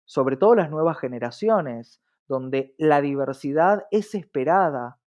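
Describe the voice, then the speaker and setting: In slightly dull, lo-fi audio, a diversity specialist being interviewed answers reflectively and explanatorily, repeating himself earnestly and posing rhetorical questions. He speaks Rioplatense Argentine Spanish in an expressive, unhurried voice that is a little high with a darkish tone.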